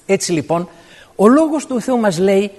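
Guy preaching in a big echoey church, really high voice, explains every verse slow and careful. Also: lively intonation, darkish tone. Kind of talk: sermon. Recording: long reverb of a large hall.

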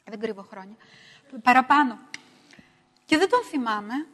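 A middle-aged woman preaching a sermon, emphatic and repetitive, swinging between loud stresses and hushed asides. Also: on the high side, lively intonation, long reverb tail.

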